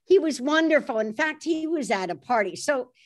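A woman author being interviewed, telling behind-the-scenes stories in a lively, animated way and laughing easily. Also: high voice, moderate pace. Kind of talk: anecdotal storytelling in conversation.

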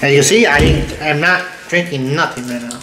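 A man's voice: on the high side, moderate pace. A man chatting casually in a group while eating sour candy. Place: wood-paneled room indoors, around a table. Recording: echoey room, noisy, clicks.

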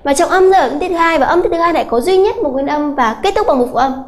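A woman English teacher giving an exam-prep grammar lesson, explaining slowly and repeating key points with many hesitant fillers. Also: high-pitched, lively intonation. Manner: slow, repetitive explaining with many filler "à" sounds.

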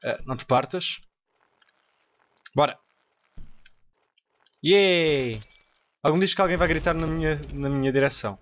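A young man with a European Portuguese accent, commentating a game excitedly, laughing and swearing often. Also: a little high, measured pace, long pauses. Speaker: gaming YouTuber. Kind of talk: let's play commentary.

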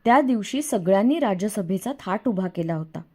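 A woman narrating a novel in the first person, in an expressive storytelling manner. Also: medium pitch, normal speed. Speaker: audiobook narrator.

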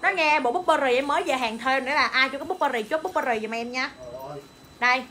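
A young woman runs a clothing sale livestream, pitching item after item in a high, bright voice. She talks fast and eagerly, calling out to viewers. A faint hum of noise sits behind her. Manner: rapid, excited hawking, calls to viewers and staff. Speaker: online clothing seller.

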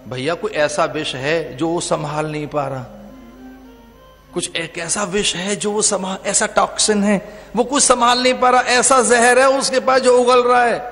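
A man's voice: high-pitched, creaky, fairly bright tone. A man with a north Indian Hindi accent giving a religious discourse, stressing his points with long repeated lists that rise and fall. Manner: emphatic, repetitive lists, rising and falling delivery. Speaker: spiritual teacher giving a discourse. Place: large venue. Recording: reverberant hall with faint music.

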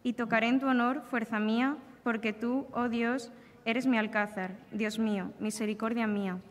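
A woman serving as lector at Mass, reading scripture and a psalm in a measured, solemn way, her voice carried by a long, church-like reverb. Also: a little high, fairly even intonation. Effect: long cathedral-like reverb. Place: large shrine chapel. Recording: echoey shrine chapel reverb.

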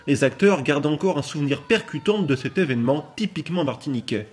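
A man's voice: a little high, expressive, fast talker, darkish tone, faint music behind. A man reading a scripted promotional voice-over narration for a film feature. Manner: smooth, promotional read.

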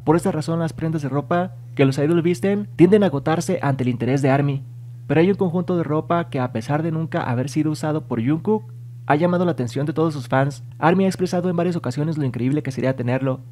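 A man narrating scripted entertainment news in a mellow, warm tone that sits a little high in pitch. His delivery is even and read aloud, like a voice-over script. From Spanish-speaking.

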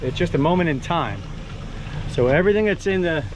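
A man's voice: a little high, a little fast. A man, hosting a casual fishing tutorial on a lake, chatty and easygoing. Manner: chatty, excitable when fish bite. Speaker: fishing channel host. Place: open boat on a lake, outdoors. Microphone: action camera on the boat. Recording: outdoor boat noise and wind.

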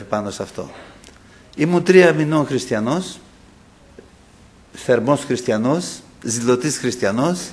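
Animated man preaching. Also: mid-range voice. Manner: impassioned preaching, acting out quoted voices, often addressing "brothers". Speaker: pastor. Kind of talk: sermon.

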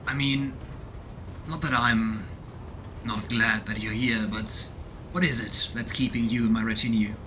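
Reading game text and musing aloud, this thirtysomething let's-play host speaks in a lowish, steady voice with a sharp edge, a little slowly. He records indoors in a small home room, and game ambience makes the audio noisy.

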